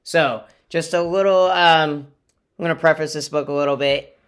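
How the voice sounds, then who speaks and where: A man's voice: fairly high pitch, fairly even intonation, moderate pace, a bit bright, smooth. Friendly man reading a picture book. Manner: friendly, explains to kids, playful sound effects. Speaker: teacher reading aloud. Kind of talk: children's read-aloud.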